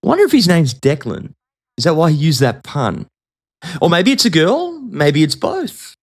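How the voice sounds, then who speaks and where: A man's voice: fairly high pitch, huge pitch swings, normal speed. Chatty, joking male host in his thirties, casual solo podcast. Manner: jokey, chatty, self-deprecating.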